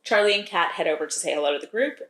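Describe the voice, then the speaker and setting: A woman co-hosts a podcast and recaps a romance novel in a chatty, wry tone, laughing often. Her voice sits a little low. The room adds a noticeable echo. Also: expressive, rapid-fire, fairly bright tone. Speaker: podcast co-host recapping a book. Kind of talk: casual chat.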